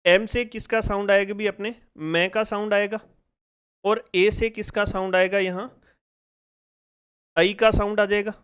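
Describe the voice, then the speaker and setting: A man teaches a phonics lesson, his voice pitched high and smooth. He puts each question to the class again and again, breaking every sound down step by step. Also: level tone, measured pace, long pauses, fairly bright tone. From India.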